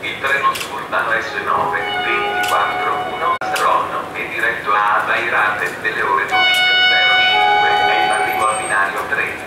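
A man making formal train station announcements over a public address loudspeaker on an outdoor platform, heard from a distance. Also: mid-range voice, huge pitch swings, normal speed, long pauses, loud music behind the voice. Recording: echoey loudspeaker from far off over train noise. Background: passing trains and station ambience.

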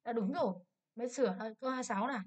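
A woman English teacher with a Vietnamese accent, going through an exam in a brisk review lesson and asking many checking questions. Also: a little high, a little mellow, husky.

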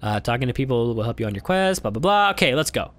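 A man's voice: mid-range voice, expressive, quick pace. A young man hosting a let's play, reading the game text and chatting casually with rambling, laugh-filled asides.

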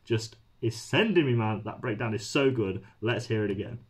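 Low husky-voiced man reacting to metal. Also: moderate pace. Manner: excitable, swears freely, rambling. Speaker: music reaction channel host. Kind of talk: casual reaction commentary. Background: faint music playing.

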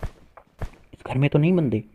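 A man's voice: on the high side, lively intonation, slow pace, husky, narrow, tinny audio. Boastful man streaming a shooter game. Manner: playful boastful banter to viewers. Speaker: gaming streamer. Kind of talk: live gameplay commentary.

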